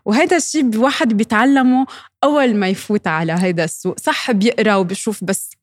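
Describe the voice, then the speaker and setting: A woman with a Levantine Arabic accent gives explanatory answers as an expert guest. She talks rapidly at an average pitch, mixing in English terms. The recording is very dry. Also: dry recording. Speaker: guest cryptocurrency trading expert and educator.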